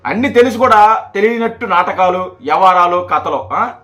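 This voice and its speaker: A man's voice: high voice, expressive, moderate pace, bright, forceful tone, soft background music. A man giving heated, mocking political commentary on a video channel. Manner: mocking, scolding, repetitive.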